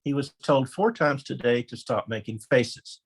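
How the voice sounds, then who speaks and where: Middle-aged male presenter, husky voice, storytelling style, mid-pitched. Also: normal speed, rough recording. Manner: anecdotal, acts out quoted voices with raised pitch. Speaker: webinar presenter, former elementary principal. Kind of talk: conversational training webinar.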